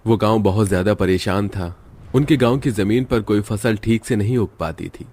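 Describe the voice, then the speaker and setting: A man's voice: fairly low pitch, moderate pace, darkish tone, husky. A man in scripted narration of a cartoon story, telling it evenly.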